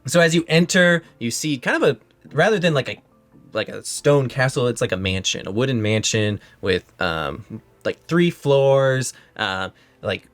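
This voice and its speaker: A man's voice: medium pitch, expressive, a little slow, faint music behind. Rambling male game master. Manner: rambling descriptions with many fillers. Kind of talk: narrating a tabletop game.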